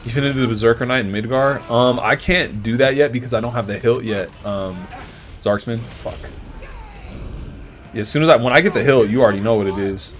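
A man giving casual live commentary on his game, swearing, thinking out loud and yelling in frustration at enemies while he chats with viewers. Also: medium pitch, a little fast. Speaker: video game streamer.

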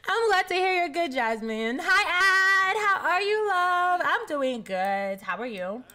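A high, bright young woman live-streaming a game. Her voice swings widely in pitch, jumping from low asides to shrieks, and she repeats lines as she reacts and thanks her viewers. Her tone is sharp and forward. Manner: excitable, shrieks and drawn-out repeats; chats with viewers, says thanks for follows. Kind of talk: casual live-stream commentary.

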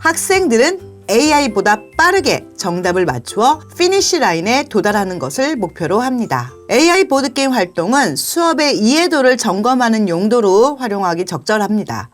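A young adult woman teacher presents an app in a polite, clearly explained script. Her voice sits a touch high and swings up and down a lot. Soft music plays quietly behind her. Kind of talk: scripted product walkthrough.

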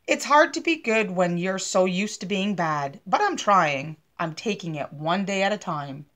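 Woman reading as slow-talking reformed bad seed. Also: on the low side, lively intonation, a bit bright. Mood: earnest, hopeful. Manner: slow, dramatic storytelling. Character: bad seed, a gloomy reformed male storybook troublemaker. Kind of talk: children's picture book read-aloud.

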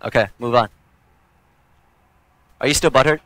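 A man's voice: medium pitch, normal speed, fairly bright tone, no room sound. Curt, confrontational man, close dry sound. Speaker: livestreamer. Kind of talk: argumentative livestream conversation.

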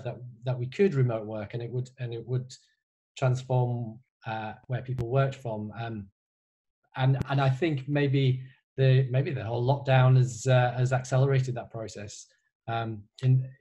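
Chatty middle-aged host on a video call. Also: male voice, medium pitch, darkish tone, breathy edge, muffled recording. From Yorkshire, England. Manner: chatty, frequent fillers and restarts. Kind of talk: casual video-call chat. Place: bedroom at home. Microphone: headset mic on video call.

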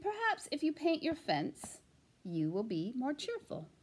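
A woman voicing a prim, bossy hen in a storybook reading, in a high, fussy voice. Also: wildly swooping pitch, unhurried, heavily acted.

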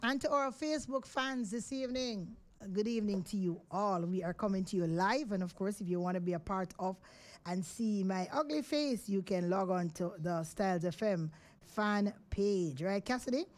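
A middle-aged Jamaican-accented woman hosts a live radio talk show from a studio, heard through a studio microphone. Her voice is mid-range and moderately paced, and she rambles chattily with plenty of fillers.

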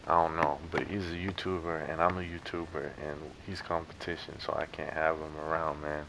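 A man's voice: very deep voice, level tone, fairly quick, creaky, noisy background. A young man in casual gameplay commentary, rambling and joking with friends on chat. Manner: rambling, joking, yelps and laughs at the game. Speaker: gameplay YouTuber.

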